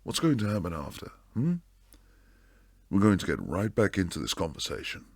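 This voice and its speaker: Here the man voices a protective bodyguard boyfriend for intimate ASMR, fully in character, with big pitch swings. His tone is low, gravelly and breathy, very deep and slow, drifting into hushed whispers, stern and weary yet tender underneath. The mic is close and the recording dry.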